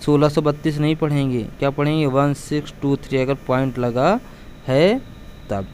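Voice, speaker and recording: Man, math teacher, patient and repetitive, fairly high voice, faint traffic noise behind. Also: normal speed, a little mellow. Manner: patient, repetitive, addresses students as beta. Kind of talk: explaining math lesson to students.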